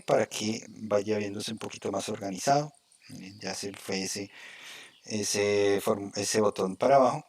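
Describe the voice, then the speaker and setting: A man teaching a live coding lesson. He explains each step slowly and often checks in with his students. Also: on the low side, slight background noise. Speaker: programming instructor.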